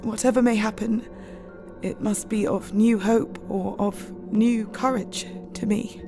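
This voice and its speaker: A woman's voice: mid-range voice, steady tone, measured pace, warm tone, lightly acted. A woman playing a brave, sorrowful young wife in an audio drama, earnest and restrained, with music behind her. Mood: sorrowful resolve. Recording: music under the voice.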